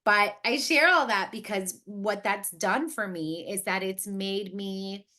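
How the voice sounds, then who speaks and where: Taking things slowly in a medium-pitched voice, a woman in her late thirties hosts a podcast. She's reflective and wordy, talking casually while sorting through her thoughts aloud at length.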